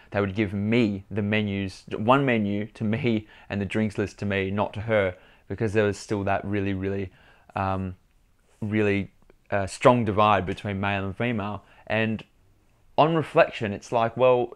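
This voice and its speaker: A young man with a fairly low voice talks straight to camera in a casual vlog. He is chatty and animated, telling his story with restarts and repeated words. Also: clear, resonant tone. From Australia. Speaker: vlogger.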